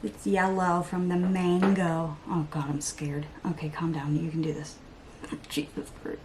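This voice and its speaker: A woman's voice: on the low side, level tone, a little slow, noisy background. A woman in her thirties chatting casually while doing her makeup at home, rambling and talking to herself. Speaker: beauty vlogger. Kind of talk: casual get-ready-with-me chat.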